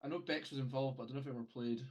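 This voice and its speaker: A man's voice: mid-range voice, steady tone, very fast. A man with a mid-range voice co-hosts a casual football podcast. He is easygoing and laughs easily along with the others. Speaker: podcast co-host.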